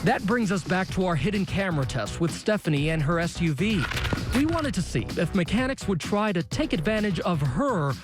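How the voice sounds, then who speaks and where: A man's voice: high voice, animated, moderate pace, music in the background. A man narrating a scripted investigative report as a TV news reporter.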